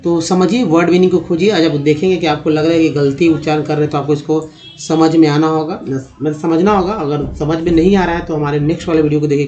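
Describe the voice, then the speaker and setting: A man teaching English reading in Hindi. He spells words out letter by letter, sounds them slowly and calls his viewers friends. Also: a little high, a little mellow.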